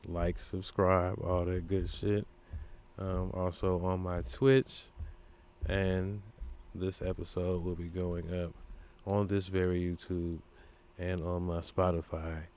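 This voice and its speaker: A man's voice: deep voice, level tone, takes it slowly, darkish tone. A man hosting a solo podcast in a laid-back, rambling way, full of fillers and slang. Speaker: podcast host. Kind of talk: casual solo podcast talk.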